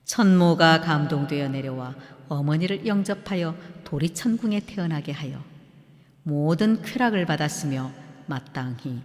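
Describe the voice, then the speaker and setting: A man, a monk, reciting a sutra in a steady, solemn reading. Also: a little high, unhurried. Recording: long hall reverb.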